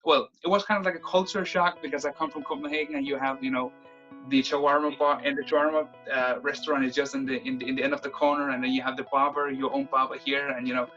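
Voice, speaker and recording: Young guy from denmark on a video call, bright voice, rushes along restarting himself, kinda muffled audio. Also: medium pitch, fairly even intonation, soft background music. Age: 20s. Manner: quick, lots of restarts and fillers. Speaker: interview guest. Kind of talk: casual conversation.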